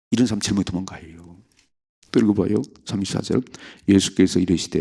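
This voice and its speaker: A man pastor preaching a sermon at a church, emphatic, with sudden high exclamations. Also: a little mellow. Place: church sanctuary.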